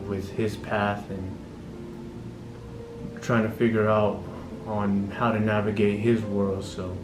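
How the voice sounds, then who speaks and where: Hesitant young man, low flat voice. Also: slow pace, distant mic, noisy background. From Central Valley, California. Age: young adult. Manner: hesitant, with frequent ums. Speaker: community college student giving a testimonial. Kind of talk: unscripted testimonial. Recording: roomy, off-mic, music underneath.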